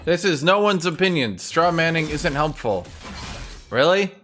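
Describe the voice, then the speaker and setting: Bright-voiced sarcastic male streamer. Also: fairly high pitch, expressive, unhurried, slight background noise. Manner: sarcastic, mocking, swears freely. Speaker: game streamer. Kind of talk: casual live-stream commentary.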